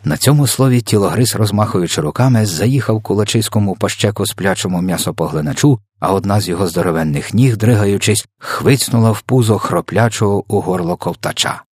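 A man reading a children's story aloud in an expressive, dramatic narration. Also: lowish voice, a little fast, slightly rough, dry recording, clean studio sound. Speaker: audiobook reader.

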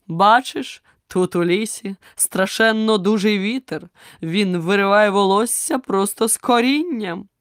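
A woman voicing an eccentric, clumsy male knight in an audiobook, speaking slowly with earnest self-importance. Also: medium pitch, no room sound, studio quality, close to an everyday voice. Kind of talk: audiobook character reading.

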